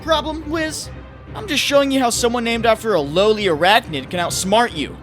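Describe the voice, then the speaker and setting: A man performs a cocky young comic book superhero. His voice sits high for a male, and he delivers everything with quippy bravado. Music plays clearly behind him. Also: moderate pace, a bit bright. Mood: taunting. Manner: quippy, taunting. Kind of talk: comic book dub acting.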